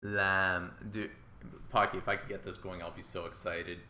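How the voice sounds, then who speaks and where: This is a male streamer in casual live-stream chat. His voice is bright, and he keeps joking and exclaiming while he fixes his setup. A roomy echo hangs around him. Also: low-pitched, level tone, normal speed.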